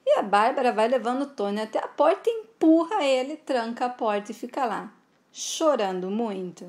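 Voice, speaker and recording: A woman's voice: on the high side, animated, moderate pace, a little mellow. A woman casually recapping a soap opera scene with chatty asides. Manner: plain, chatty retelling with asides.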